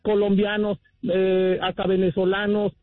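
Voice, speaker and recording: A man's voice: high voice, completely flat delivery, measured pace, dry recording. A Mexican man calling in to a radio show, opinionated and preachy, often addressing the hosts as "muchachos". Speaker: caller. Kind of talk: phone-in rant. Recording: tinny phone line.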